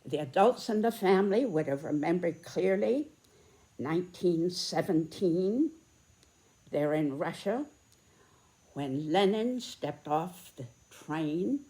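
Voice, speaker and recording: A woman in her nineties with an American accent, giving reflective spoken commentary in a deliberate, earnest way with emphatic phrasing and pauses. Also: lowish voice, lively intonation, mellow. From United States. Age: 90s, very old. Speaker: video host, personal commentator.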